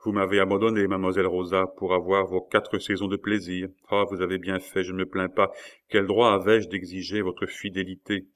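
A man's voice: deep voice, level tone, fairly quick, a bit bright. A man reading an audiobook who voices a lovesick young prisoner in a lyrical, impassioned manner. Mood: melancholy.

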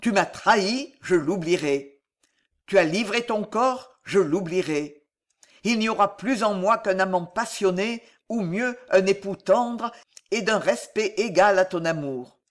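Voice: mid-range voice, expressive, measured pace, close to an everyday voice. A reader voicing a passionate, pleading male monk in a dramatic audiobook, impassioned and insistent. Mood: ardent.

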